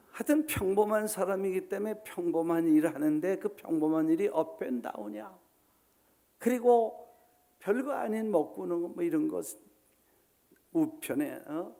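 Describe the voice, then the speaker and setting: Gravelly, animated male pastor preaching. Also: on the high side. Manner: dramatic, acts out biblical quotes with swings from loud to hushed; mixes English words into Korean. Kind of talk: sermon. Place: church sanctuary.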